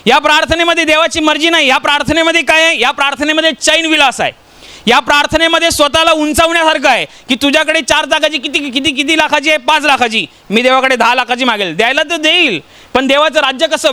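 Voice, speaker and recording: A man's voice: very high voice, bright, forceful tone. A man from Maharashtra preaching a sermon, telling stories and putting rhetorical questions to the congregation. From Maharashtra, India.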